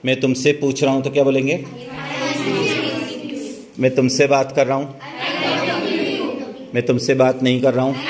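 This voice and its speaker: A man teaching English grammar to a class, speaking slowly and often checking with the students. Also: medium pitch. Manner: slow, repeats phrases and checks with "theek hai?".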